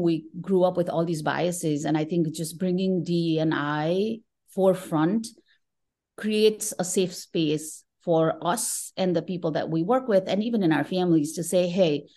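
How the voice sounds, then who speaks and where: A middle-aged Nepali woman who works in tech appears as a guest on a podcast, speaking reflectively in a conversational interview. Her fairly low voice is warm and moves at a normal speed, and she often checks in with short tag questions.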